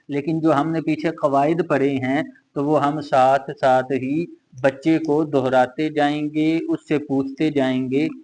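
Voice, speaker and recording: A man's voice: on the high side, darkish tone, rough recording. A man teaching a Quran reading lesson for children, patiently repeating letters and drilling each syllable aloud. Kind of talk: slow step-by-step recitation lesson.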